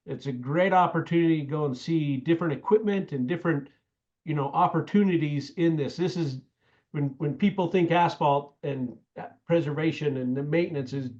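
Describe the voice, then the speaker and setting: A man's voice: a little high, normal speed, darkish tone. A man chatting casually as a participant in a group call. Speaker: meeting participant. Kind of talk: casual chat. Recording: slightly dull lo-fi call audio.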